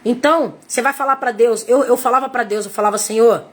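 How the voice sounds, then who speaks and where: A woman's voice: a little high, fast. A middle-aged woman missionary with a Brazilian accent, preaching in a conversational, emphatic way and repeating her points straight to her listeners. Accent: Brazilian Portuguese. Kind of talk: conversational sermon.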